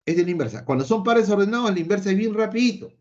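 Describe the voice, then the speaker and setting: Speaking in rapid-fire bursts, a man with a high, animated, slightly mellow voice teaches math in an online lesson. He is emphatic and repetitive, talks right to his students, and playfully acts out an imaginary student's answers. The recording is lo-fi and a little dull.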